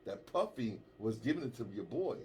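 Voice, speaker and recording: A man co-hosting a casual radio talk show, animated and slangy, laughing often and repeating himself. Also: medium pitch, a little fast, a crowd in the background.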